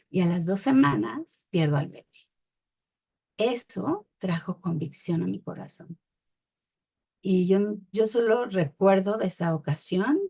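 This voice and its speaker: A middle-aged woman telling her personal faith testimony in a reflective, hesitant way, pausing often with fillers. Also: on the low side, vocal fry, mellow, breathy edge. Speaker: testimony speaker.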